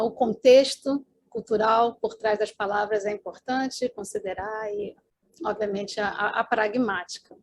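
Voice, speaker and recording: A Brazilian woman with a Brazilian Portuguese accent giving an academic conference talk over a video call, explaining as she goes with many fillers and tag questions. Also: a little high. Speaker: conference presenter.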